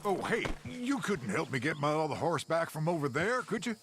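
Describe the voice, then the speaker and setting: An actor playing a flustered but polite frontier traveller in a video game. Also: male voice, on the high side, big pitch swings, fairly quick, fairly bright tone, a little hiss or hum. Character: flustered, grateful male stagecoach traveller.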